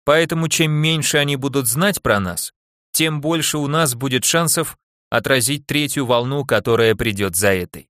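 A man's voice: mid-range voice, dry recording, studio quality, natural voice. Man doing an unflappable alien ambassador. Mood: calm. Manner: calm, measured, matter-of-fact.

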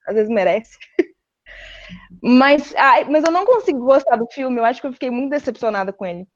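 A Brazilian woman giving animated, opinionated views as a panelist in a casual roundtable chat. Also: fairly high pitch. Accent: Brazilian Portuguese. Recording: dull lo-fi audio.

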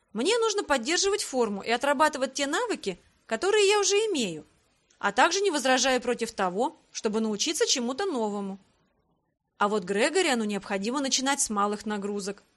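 A woman voicing a bold, cheerful young heroine who bosses and teases in a brisk, commanding way. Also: sits high, a bit bright. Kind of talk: audiobook character reading.

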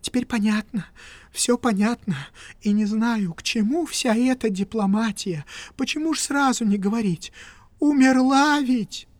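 A woman's voice: on the high side, a little slow, a little mellow, no echo, pitched above the performer's own voice, natural voice. A woman voicing a nervous, tearful man who pleads in a trembling way in an audiobook reading. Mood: accusing. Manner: pleading, tremulous.

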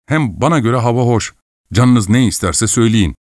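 A man's voice: medium pitch, expressive, moderate pace, darkish tone, no echo, studio quality, natural voice. A man doing a snappish impatient young man. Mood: exasperated. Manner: curt, snappish and exasperated. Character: impatient irritable young man waiting for someone.

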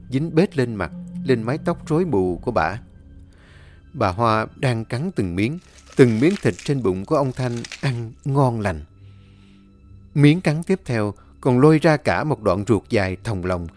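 A man tells a village horror tale in a measured, dramatic narrating voice. His pitch sits in the middle range. Faint music plays quietly beneath him. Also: animated. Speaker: storyteller. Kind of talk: scripted horror audiobook narration. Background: faint background music.

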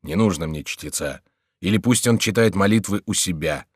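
A man's voice: deep voice, normal speed, breathy edge, no echo, studio quality. A man voicing a fearful, melancholy king who speaks in a subdued, pleading way in an audiobook. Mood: weary.

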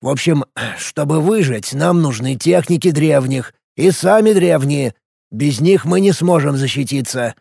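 A man's voice: on the high side, unhurried, creaky, mellow, slightly rough, no room sound, studio quality, full character voice. A man voicing an anxious male minister who pleads and grows agitated in a storybook reading. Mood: persuasive.

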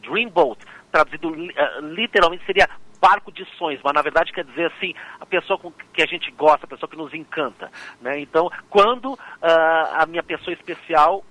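Radio co-host, Brazilian man, bright dry voice, a bit hoarse, rambling delivery. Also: fairly high pitch, normal speed, dry recording, poor audio. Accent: Brazilian Portuguese. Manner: rambling, many fillers and restarts. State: slightly hoarse. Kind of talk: casual radio music talk.

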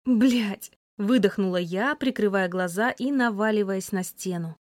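A woman narrating a first-person novel as an audiobook, lively and voicing the heroine's sharp retorts. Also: mid-range voice, moderate pace, dry recording, clean studio sound.

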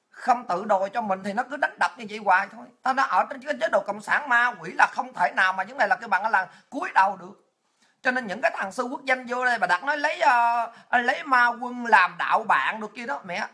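A woman's voice: on the high side, sharp tone, slightly rough. A woman with a Southern Vietnamese accent, delivering an angry, profane political rant as an online commentator. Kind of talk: ranting online monologue.

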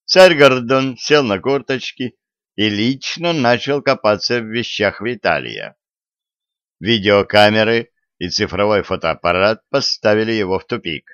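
Low-voiced man narrating an audiobook. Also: clean tone, dry recording. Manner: expressive, unhurried storytelling. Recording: dull, lo-fi dry audiobook.

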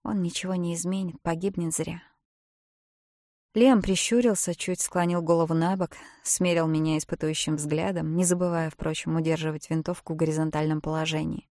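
A woman narrating a novel in the first person, reading expressively and softening to a hush at tense moments. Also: low-pitched, fairly even intonation, moderate pace, dry recording, studio quality. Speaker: audiobook narrator.

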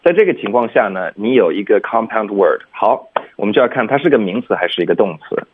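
A low-voiced man with a husky edge explains pronunciation rules patiently, one step at a time, checking in often with "OK?". He comes through a thin, tinny phone line. He sounds like a teacher calling into a radio lesson. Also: lively intonation, a little fast.

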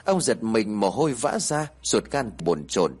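A man's voice: lowish voice, a little slow, slightly rough. A man narrating a horror story and voicing its characters. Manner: animated storytelling with voiced characters.

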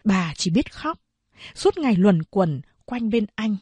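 A woman narrating an audiobook of a novel in a slow, steady storytelling voice. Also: medium pitch, husky, no room sound.

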